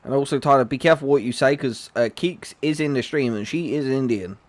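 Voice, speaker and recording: This gaming livestream host talks briskly at medium pitch, joking around casually with viewers and greeting chat members by name. No room sound is audible.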